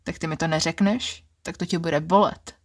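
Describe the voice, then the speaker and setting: A woman's voice: fairly low pitch, steady tone, dry recording, studio quality, lightly acted. A woman voicing a harsh, domineering man. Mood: commanding. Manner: commanding, harsh. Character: domineering adult man, rough ex-lover.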